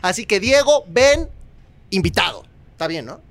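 A woman's voice: medium pitch, sing-song, moderate pace, no echo. Playful, teasing Mexican woman host. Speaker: podcast host. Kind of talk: casual chat.

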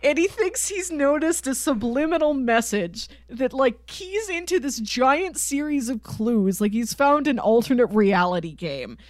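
A podcast co-host casually talks through a TV show, acting out imagined lines as she explains. Her voice is high and expressive, a little slow with few pauses, in studio-quality audio with no room sound.

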